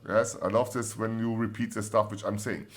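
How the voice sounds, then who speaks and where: A man's voice: fairly low pitch, flat delivery. A man with a German accent hosting a trading channel, reading viewer comments in casual, encouraging talk full of fillers and restarts. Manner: halting, many fillers and restarts, repeats set phrases; upbeat, encouraging.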